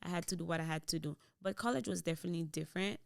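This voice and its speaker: Speaking at a racing clip in a gravelly voice, this young woman from Haiti tells her story as a podcast guest, relaxed and chatty, dropping into Creole partway through sentences. Her Haitian Creole accent comes through a studio boom mic, with no room sound.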